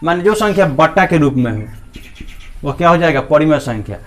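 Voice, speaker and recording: A man leads a maths lesson in a fairly high voice. He asks his class questions and then answers them himself, and he goes back over key points again and again. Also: expressive, fairly quick, fairly bright tone. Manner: repeats key points often. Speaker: teacher.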